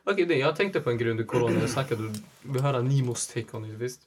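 A young man talking in casual chat, animated and swearing, mixing English slang into his talk. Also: medium pitch.

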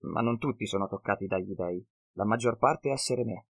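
A man voicing a cunning half-blood northern wanderer who speaks slow, broken, ungrammatical sentences in an audiobook. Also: on the low side. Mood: cunning, earnest.

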